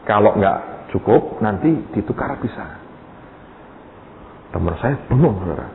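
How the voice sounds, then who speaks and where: A man's voice: lowish voice, a little slow, creaky, slight background noise. A man preaching a sermon, telling a story and acting out the voices of the people in it. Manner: lively storyteller acting out dialogue, addressing the congregation. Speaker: pastor. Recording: echoey hall, tinny phone-like sound.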